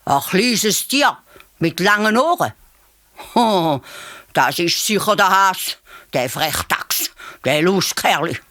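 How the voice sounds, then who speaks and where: A woman with a Swiss German accent voicing a big mother elephant who scolds loudly. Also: lowish voice, animated, takes it slowly, pauses often, no echo, clean studio sound. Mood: indignant scolding. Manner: scolding, loud.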